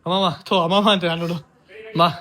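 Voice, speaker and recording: A young man running a casual prank vlog at home, excitable and talking straight to his viewers. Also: high-pitched, rapid-fire. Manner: excitable, talks to viewers directly. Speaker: prank vlogger.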